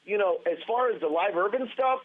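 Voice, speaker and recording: A man telling a long story as a podcast guest, animated and rambling, restarting his sentences often. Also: sits high, brisk. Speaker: podcast guest, former band guitarist. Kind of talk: casual storytelling interview. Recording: tinny phone-line sound.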